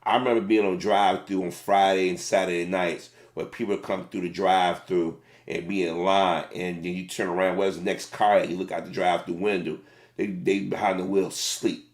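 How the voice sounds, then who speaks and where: A man's voice: sits low, level tone, a little fast. Plain-spoken middle-aged man, roomy echo. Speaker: vlogger, former fast food manager. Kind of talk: casual video commentary.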